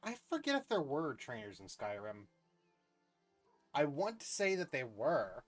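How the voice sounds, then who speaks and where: A man narrates his own gameplay in a loose, rambling way, thinking out loud and cutting sentences short. His voice rises and falls freely, and faint game music plays behind him. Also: medium pitch, very animated, unhurried. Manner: chatty, thinks aloud, trails off mid-sentence. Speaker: streamer. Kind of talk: casual gameplay commentary.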